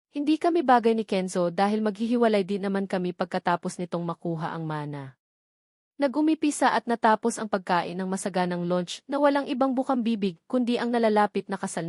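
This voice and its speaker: Working as an audiobook narrator, a Filipino-accented woman reads a first-person novel aloud from the script. The studio-quality recording is dry, and her mid-range voice has a slightly mellow quality.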